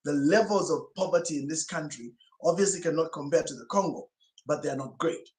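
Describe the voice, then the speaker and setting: A Swahili-speaking male pastor, his voice fairly high, brisk and a little mellow, delivers an emphatic teaching talk in sermon fashion. Rhetorical questions fill it. The recording carries a roomy echo.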